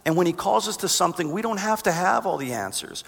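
A man preaching a sermon as pastor, earnest, reading verses and climbing higher for emphasis. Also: expressive, fast talker, vocal fry, fairly bright tone. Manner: earnest, rises in pitch for emphasis. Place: church sanctuary. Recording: long reverb of a large hall.

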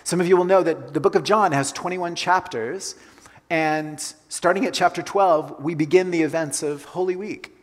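A man's voice: a little high, moderate pace. Man preaching in a reverberant church. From Colombia. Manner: conversational, repeats key phrases for emphasis. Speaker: pastor. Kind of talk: sermon. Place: church sanctuary. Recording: long hall reverb.

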